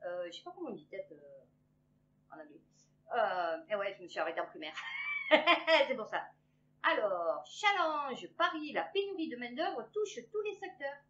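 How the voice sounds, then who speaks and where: A woman's voice: fairly high pitch, sing-song, unhurried, pushed and bright. A woman in her fifties reads news headlines and comments on them in a rambling, sarcastic way, with many fillers. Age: 50s. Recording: dull lo-fi recording.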